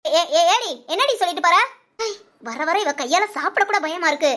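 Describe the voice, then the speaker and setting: A woman's voice: very high-pitched, animated, moderate pace, fairly bright tone. A woman voicing a bossy, scheming older mother-in-law in a cartoon, nagging and scolding, with Tamil village speech. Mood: grumbling. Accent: Tamil Nadu village speech.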